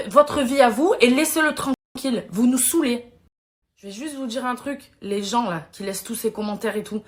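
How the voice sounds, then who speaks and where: A young woman speaks with a high, bright pitch in a heated, indignant rant aimed straight at her followers. She repeats herself as she presses each point. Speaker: social media personality.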